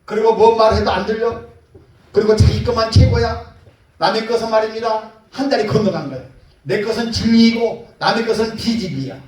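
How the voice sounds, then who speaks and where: A man's voice: sits high, brisk, darkish tone. A male pastor preaching a sermon in an emphatic way, putting rhetorical questions to the congregation. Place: church sanctuary. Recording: echoey hall, mic far off.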